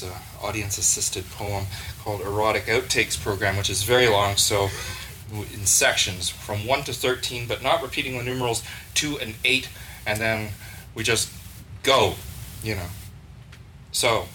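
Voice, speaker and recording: Rambling open-mic host, noisy room. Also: male voice, lowish voice, steady tone, moderate pace, bright, forceful tone. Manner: loose, rambling, filler-heavy. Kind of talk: casual stage banter. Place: live reading venue. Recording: noisy live room recording.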